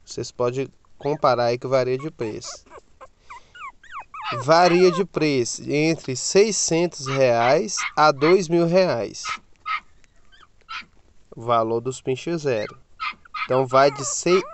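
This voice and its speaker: A pet vlogger with a Brazilian Portuguese accent, chatting casually to viewers from inside a car and cooing at the puppies now and then. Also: mid-range voice. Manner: chatty, repeats itself, coos at the puppies. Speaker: pet video host. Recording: loud background noise of crying puppies. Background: whimpering puppies.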